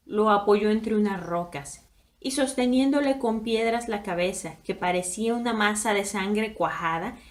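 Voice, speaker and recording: A woman narrating a story aloud in a dramatic, expressive reading that swings between hushed and loud passages. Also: medium pitch.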